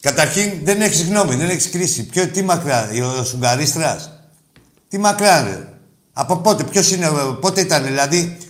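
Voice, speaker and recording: A man's voice: fairly high pitch, reverberant. A man hosting a sports call-in radio show, arguing with callers in a brash, crude, combative way. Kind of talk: heated call-in argument.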